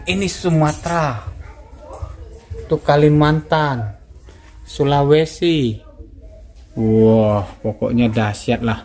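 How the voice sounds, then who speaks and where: Woman host w a really low voice, chatty excited interviewer, lots of exclaiming. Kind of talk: casual interview and tour commentary.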